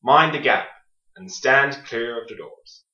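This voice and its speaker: A man's voice comes over the station intercom, bright and a little sharp, set far back from the mic in an echoey space. He reads the departure slowly and formally, repeating the key details. The sound is dull, like a loudspeaker. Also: medium pitch. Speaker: station announcer. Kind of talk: scripted listening-test announcement.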